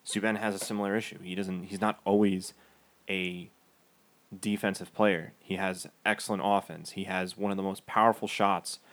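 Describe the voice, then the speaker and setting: A man with a fairly low voice chats casually as a podcast co-host. He argues his points firmly and slips in dry sarcasm. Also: little pitch movement, normal speed, fairly bright tone. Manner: opinionated, sarcastic. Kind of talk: casual sports chat.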